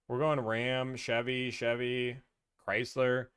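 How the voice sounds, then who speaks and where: Live-stream host, man, smooth clear voice, mid pitch, rambling and teasing. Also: little pitch movement, slow, a bit bright. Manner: rambling, teasing, reads and answers chat comments. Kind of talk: casual live-stream chat.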